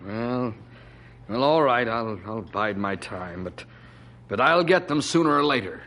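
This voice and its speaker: A stubborn, blustering small-town sheriff from an old radio show. His voice sits in an ordinary middle pitch, gruff and quick to stumble when challenged. A faint hiss of an old radio broadcast runs beneath it. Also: lively intonation, a bit bright. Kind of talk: 1950s radio drama acting.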